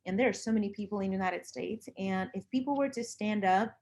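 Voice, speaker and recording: A woman's voice: mid-range voice, fast, a little mellow. A woman from Lithuania, speaking casually and earnestly, with emphatic repetition. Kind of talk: casual conversation about personal views.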